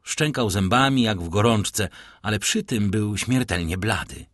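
A man narrating an audiobook in a measured, dramatic storytelling manner. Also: fairly low pitch, a bit bright, no echo, studio quality.

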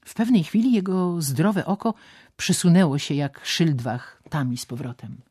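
A woman narrating a literary novel aloud in a dramatic, expressive way. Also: low voice, moderate pace, slightly rough. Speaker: audiobook narrator.

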